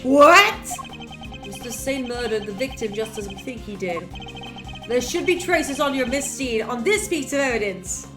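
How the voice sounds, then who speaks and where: A woman voicing a formal, composed male prosecutor in a mystery game, speaking in a measured, dry way, with music under her. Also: on the high side, lightly acted. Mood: calm.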